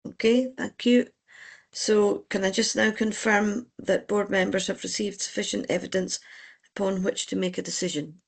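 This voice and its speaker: Convener with a gravelly voice. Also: mid-range voice, steady tone. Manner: procedural, measured, polite. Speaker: licensing board convener. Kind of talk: formal meeting chairing.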